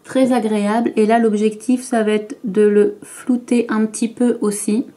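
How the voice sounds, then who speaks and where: A woman's voice: fairly high pitch, level tone, normal speed, mellow. A woman vlogger talking through her makeup routine to camera, chatty and hesitant, with frequent fillers and restarts. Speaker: beauty vlogger. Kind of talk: makeup tutorial talk to camera.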